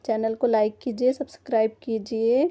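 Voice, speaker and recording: A woman's voice: on the high side, level tone, moderate pace, warm tone. A woman teaching a first-grade textbook lesson to young children, patiently sounding out words letter by letter. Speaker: primary school teacher. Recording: dull lo-fi recording.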